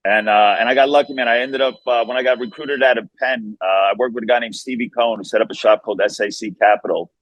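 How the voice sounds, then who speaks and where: A man's voice: medium pitch, fairly even intonation, fast, few pauses, no echo, lo-fi sound. A man with a Brooklyn, New York accent, chatting informally as an interview guest and peppering his talk with casual asides. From Long Island, New York. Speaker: fast-food founder, interview guest.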